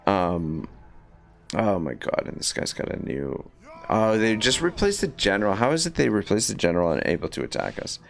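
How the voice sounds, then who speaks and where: A man with a deep, scratchy voice and vocal fry livestreams a strategy game, keeping up rambling, casual commentary full of fillers and restarts.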